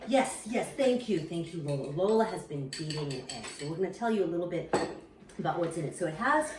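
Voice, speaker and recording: Animated and fairly quick, a Burmese mother with a voice on the low side chats warmly to her children's schoolmates about cooking as a family. This casual home video narration, full of fillers, was filmed in her kitchen with a distant camera, leaving the sound echoey and noisy.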